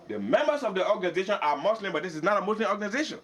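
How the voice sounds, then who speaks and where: A man's voice: sits high, a bit bright. An older man gives an impassioned speech at a community meeting, pressing his points, repeating words and slipping into a local language. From Liberia.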